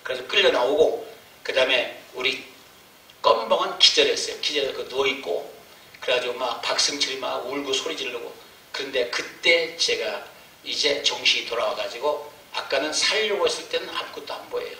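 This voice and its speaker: A missionary preacher with a mid-range, sharp-toned voice delivers a sermon testimony at normal speed in an echoey church sanctuary. He tells his story emotionally, acting out his own prayers and cries. He is far from the mic, and there is slight hiss or hum.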